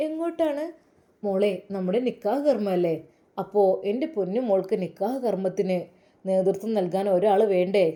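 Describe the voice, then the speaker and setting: A woman's voice: medium pitch, moderate pace, natural voice. A woman voicing a kindly, motherly older woman who coaxes and reassures. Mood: coaxing. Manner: warm coaxing, repeats endearments.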